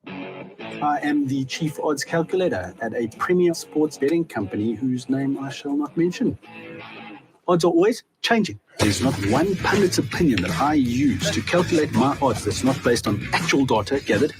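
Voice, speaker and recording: An actor playing a proud, precise odds calculator in a scripted advert monologue. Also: male voice, medium pitch, animated, moderate pace, over music, close to an everyday voice, rough recording. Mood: proud, assured. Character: proud, self-assured chief odds calculator at a betting company.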